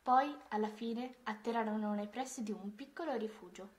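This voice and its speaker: A woman reading a children's Christmas story aloud, in a gentle, expressive way. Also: fairly high pitch, moderate pace.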